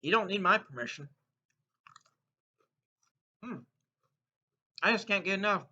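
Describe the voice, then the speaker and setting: In a dull, muffled lo-fi recording, a man hosting a casual snack review vlog crunches chips between playful verdicts. His voice sits high and sounds animated, bright and forceful, though his pace is a little slow.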